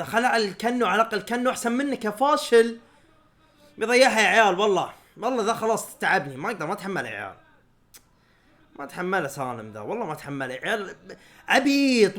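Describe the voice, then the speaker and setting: Saudi male fan-streamer, excitable reaction commentary, high and lively, rapid delivery. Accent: Saudi Arabic. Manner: excitable, shouts at players and referee, frequent laughter. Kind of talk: live match reaction commentary.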